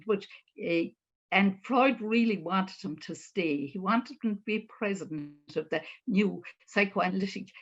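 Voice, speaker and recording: An older Irish woman speaks in an informal lecture style at a medium pitch. She feels her way through each thought, halting and repeating words. The sound is slightly dull and lo-fi. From Ireland. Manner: halting, searching for words with repetitions. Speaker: speaker on myth and Jungian psychology. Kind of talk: informal lecture, unscripted storytelling of ideas.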